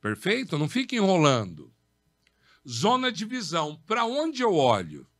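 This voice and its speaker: A man hosts a podcast and gives a lesson on public speaking. His voice sits fairly high and moves with very animated swings, and he stresses key words again and again. The sound is dry and close, as in a small studio. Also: unhurried, dry recording. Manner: emphatic, repeats key words, asks and answers his own questions. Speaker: podcast host. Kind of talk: instructive talk on public speaking.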